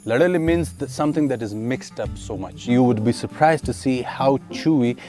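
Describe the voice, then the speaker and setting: A man's voice: medium pitch, moderate pace. A man from Pakistan acting as local guide, earnestly explaining customs and dishes in casual conversation. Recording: music playing underneath.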